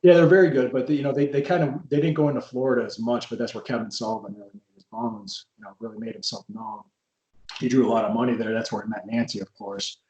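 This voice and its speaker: A man in casual conversation, a podcast host who drifts from one wrestling story to the next and often restarts his sentences. His voice sits at an ordinary middle pitch. The room around him is echoey. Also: fast, darkish tone, muffled recording. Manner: rambling storyteller with frequent restarts. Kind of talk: casual interview chat. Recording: roomy echo.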